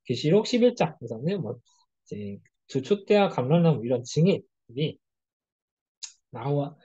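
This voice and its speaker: A church youth group leader teaching a casual Bible study lecture, telling stories in an animated way and acting out quoted speech. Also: medium pitch, moderate pace, husky, muffled recording.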